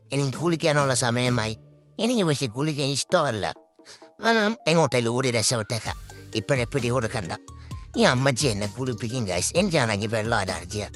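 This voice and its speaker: A man's voice: medium pitch, a bit bright, natural voice. A man voicing the inner thoughts of a cheeky, scheming toddler boy, confiding mischievously to viewers in a comic voice-over.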